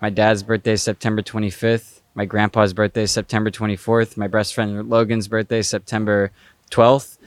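A man hosting a podcast, chatting in a relaxed way with short affirmations. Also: fairly low pitch, moderate pace, no room sound. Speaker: podcast host. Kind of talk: casual podcast conversation.

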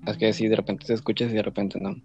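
A young man, chatting with friends on a call and teasing them with deadpan wisecracks. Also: lowish voice, fast. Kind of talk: casual chat among friends on a call. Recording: dull lo-fi call audio. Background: guitar music.

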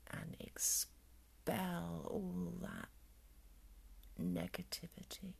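A woman with a soft, calm whisper, guiding a breathing meditation in a soothing ASMR style. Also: fairly low pitch, very slow, creaky, slightly rough. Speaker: meditation guide.

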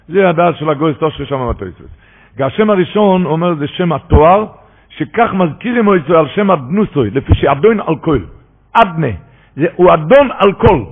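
A man giving an animated religious lecture on a Talmud commentary, building to emphatic preaching. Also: a little high, creaky, husky. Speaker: Torah teacher. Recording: tinny phone-line radio broadcast.

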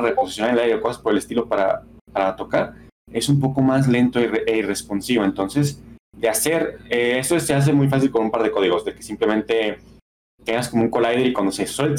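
A man's voice: medium pitch, darkish tone, slight background noise. A man on a podcast explaining a game's controls and suggesting improvements, often restarting words mid-sentence. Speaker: podcast co-host reviewing games. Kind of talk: casual podcast review.

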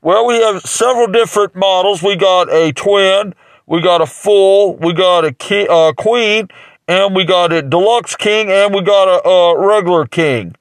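A man's voice: high voice, a little slow, no echo. A man improvising a rambling mock infomercial as a salesman, with crude jokes and lots of fillers. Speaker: comic playing a mattress salesman.

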